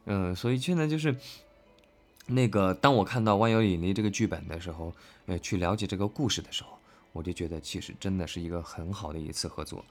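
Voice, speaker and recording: Talking fast in a low voice, a man who works as a voice actor reads out questions and responds to them himself. The informal, unscripted interview has him thinking out loud and circling back to the same phrases.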